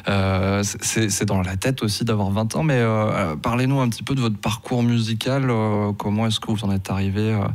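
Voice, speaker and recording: A man hosting a radio interview, asking questions in a halting way with many fillers. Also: fairly low pitch. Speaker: radio host.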